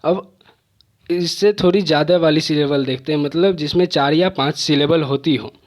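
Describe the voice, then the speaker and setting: A man teaching an exam-prep lesson, patiently repeating his points and sounding words out syllable by syllable. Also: a little high. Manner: spells words out slowly, syllable by syllable.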